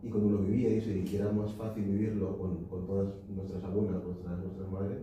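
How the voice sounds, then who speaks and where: A man's voice: low voice, flat delivery, fairly quick, noisy background. A young man in the audience asking a long, hesitant question at a book talk, full of fillers and tag questions. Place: lecture hall at a cultural society. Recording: echoey hall, distant and dull.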